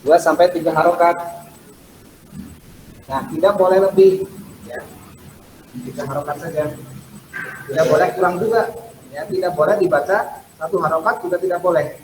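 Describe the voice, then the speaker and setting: A man's voice: sits high, moderate pace, long pauses. A man teaching a Quran recitation class, patiently repeating letter sounds for students to echo. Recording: echoey room with faint noise.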